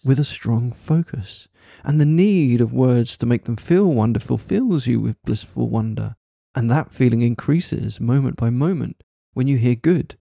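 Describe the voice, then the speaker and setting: A man with a deeply mellow, relaxed voice of medium pitch murmurs right into your ear. He takes his time, coaxing and teasing in an intimate hypnosis ASMR style. The sound is close and dry, with no room around it. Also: gravelly, no room sound. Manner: coaxing, teasing, praising, with tag questions. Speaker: hypnosis audio performer. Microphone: close microphone, dry sound.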